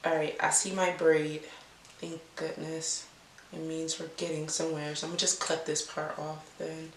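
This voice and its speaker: A young woman vlogger chatting casually and rambling to viewers in a low, unhurried way while recovering from an illness. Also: flat delivery. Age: young adult. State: recovering from illness, clearing throat. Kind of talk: casual chat to viewers while doing her hair. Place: small indoor room. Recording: roomy echo, audible background hiss.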